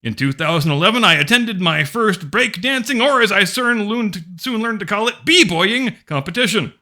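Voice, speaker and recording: A woman giving a dramatic reading of an academic text like a hammy stage actor, with theatrical, drawn-out emphasis. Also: mid-range voice, animated, sharp tone. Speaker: host of a mocking dramatic reading.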